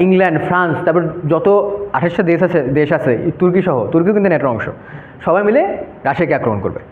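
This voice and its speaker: A young man giving an informal classroom lecture, talking students through a map and often checking "okay?". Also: high voice. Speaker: debate workshop instructor. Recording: echoey room, phone-like narrow sound.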